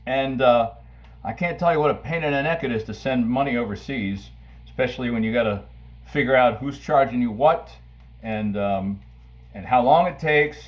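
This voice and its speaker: A man talking playfully to camera in his kitchen, theatrical, swinging from booming outbursts to low asides while he cuts an onion. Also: moderate pace. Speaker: vlogger. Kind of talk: casual talk to camera. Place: home kitchen.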